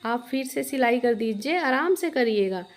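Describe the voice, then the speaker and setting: A polite, easygoing young villager, as a woman narrator puts him on, calm and kind. The voice sits fairly high, in a simple storybook telling. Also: moderate pace, natural voice. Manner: polite, reassuring.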